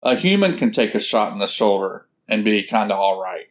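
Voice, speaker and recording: A man's voice: on the low side, big pitch swings, a little fast. A man co-hosting a podcast in casual chat, hesitant, with stammered restarts and many fillers. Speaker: podcast co-host.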